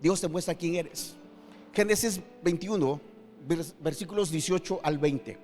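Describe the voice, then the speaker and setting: A middle-aged man preaching a sermon as pastor, emphatic, swinging between loud and hushed with many rhetorical questions. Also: fairly high pitch, measured pace. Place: church hall. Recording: long hall reverb with faint guitar.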